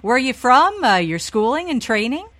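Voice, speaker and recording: A woman host conducts a radio interview in a friendly, chatty way. She hesitates often, and her voice sits somewhat high. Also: sing-song, moderate pace, a bit bright. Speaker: radio talk show host.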